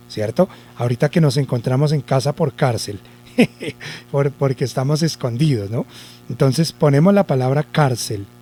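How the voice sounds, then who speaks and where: A man teaching children a spelling lesson, speaking slowly and deliberately. His voice is fairly high yet mellow, with a rising and falling melody as he repeats rules and poses questions to himself. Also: husky.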